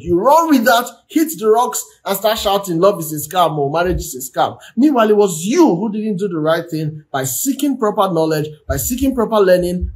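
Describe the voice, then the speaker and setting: Man, high voice, relationship coach, livestream advice talk, preachy and repetitive. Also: a little mellow. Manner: preachy, repeats phrases, asks "do you understand?".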